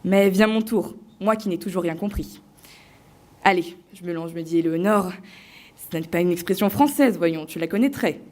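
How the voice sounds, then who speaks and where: A woman on stage delivering a prepared competition speech to a live audience, theatrical and playful, with deliberate pauses. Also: lowish voice, darkish tone. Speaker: eloquence contest finalist.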